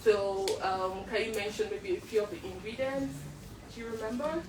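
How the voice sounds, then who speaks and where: A woman's voice: medium pitch, normal speed. A woman from Nigeria, hosting a book club chat before a live audience and laughing often with them. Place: library event room with an audience. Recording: echoey room, mic far off, noisy.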